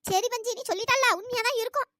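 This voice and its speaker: A woman's voice: extremely high pitch, quick pace. A woman playing a gullible fretful old mother-in-law. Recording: noisy home recording.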